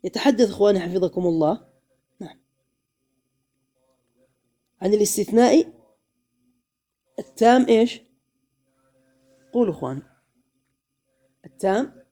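A man teaching a classroom grammar lesson, quizzing his students with questions and chanting verse lines slowly. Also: high-pitched, mellow.

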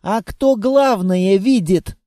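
A man's voice: high-pitched, mellow, no echo, studio quality. A man reading aloud, voicing a sad, sarcastic little girl who never grows up. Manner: quick, sulky and sarcastic. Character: sad, sharp-tongued immortal little blonde girl.

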